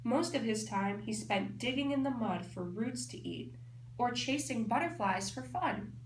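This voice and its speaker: In an echoey room with faint background noise, a woman teacher reads a storybook aloud to children. Her voice is a little high and a little slow, with lively intonation, and she reads expressively, explaining things and thinking aloud for the kids.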